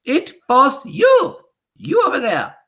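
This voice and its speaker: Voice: high voice, huge pitch swings, slow, sharp tone, pitched above the performer's own voice, heavily acted. A reader voicing a tiny, furious female witch leader who screeches and speaks with odd foreign-sounding grammar, in an audiobook. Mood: raging. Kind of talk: audiobook character voice.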